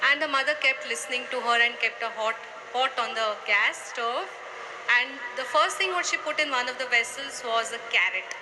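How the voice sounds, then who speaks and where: Storytelling woman panelist, slightly high voice. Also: normal speed. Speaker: panelist, infant specialist. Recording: noisy live event recording.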